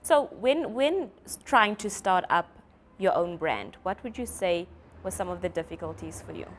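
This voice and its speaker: A woman's voice: lowish voice, animated, moderate pace, slight background noise. A woman interviewing a designer, asking questions and encouraging him with frequent yeahs. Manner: encouraging, frequent "yeah" backchannels.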